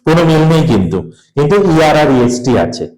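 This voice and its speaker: A man's voice: on the high side, lively intonation, fast talker, a little mellow. A male teacher, quizzing his students through a grammar lesson and drilling spellings aloud. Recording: roomy echo.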